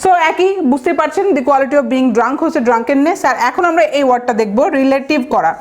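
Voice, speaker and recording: A woman with a high voice giving a vocabulary lecture for exam preparation. She walks through each word step by step and spells it out letter by letter. She keeps asking the class rhetorical questions, with the odd filler. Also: lively intonation, brisk. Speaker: vocabulary teacher.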